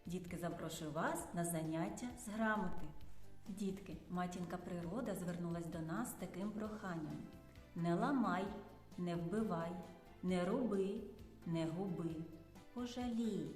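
Woman teacher in an echoey hall. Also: fairly low pitch. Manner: gentle, instructive, addressing children directly. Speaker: preschool teacher. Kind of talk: children's lesson narration. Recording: roomy hall with reverb.

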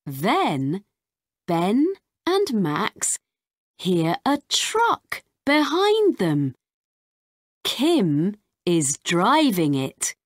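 Woman teacher, storybook read-aloud, very slow and lively, dry close mic. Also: medium pitch, no room sound. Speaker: English teacher. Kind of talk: reading a children's story aloud.

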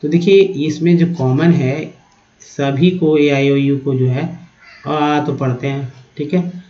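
A man's voice: fairly high pitch, fairly even intonation, mellow, roomy sound, muffled recording. A man teaching English spelling and pronunciation to viewers, spelling out letters one by one and repeating each word. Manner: spells out letters slowly, repeats words, addresses viewers as friends. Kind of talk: explaining spelling and pronunciation step by step.

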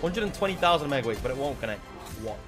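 A man's voice: mid-range voice, very animated, fast. A man in his twenties giving casual, exasperated, complaining commentary as he streams online slots. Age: 20s. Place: indoor room at a streaming setup. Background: game music.

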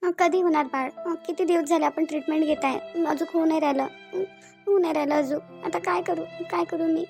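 A woman's voice: very high-pitched, steady tone, a little fast, gravelly, a little mellow, faint music behind. A woman with a Varhadi Marathi accent voicing a young wife who tearfully pleads to have a baby. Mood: sorrowful.

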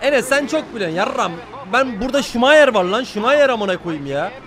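A man streaming a racing game live, chattering excitedly, swearing often and talking to his chat. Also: very high voice, a little fast. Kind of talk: live gameplay commentary.

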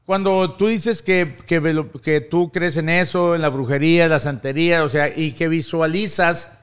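A high-pitched man holds forth in a casual studio chat, rambling and animated as he waves his hands. He speaks close into a boom microphone in a small studio. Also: normal speed, clear, resonant tone. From United States. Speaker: talk show host. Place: small studio with brick wall and blue lights. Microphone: studio mic on boom, headphones.

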